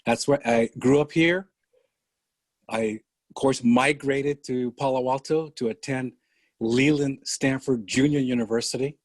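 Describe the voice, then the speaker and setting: Older male guest from San Francisco, unhurried and measured, dry close sound. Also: mid-range voice, no echo. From San Francisco, USA. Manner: slow, deliberate storytelling with pauses. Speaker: podcast guest. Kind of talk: conversational interview.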